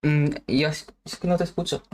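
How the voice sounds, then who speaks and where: A woman's voice: deep voice, steady tone, a little fast, darkish tone, slight background noise. A woman hosting an interview over a video call, talking in a friendly, chatty way. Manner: friendly, chatty, affirming often. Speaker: interviewer host. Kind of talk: casual interview chat.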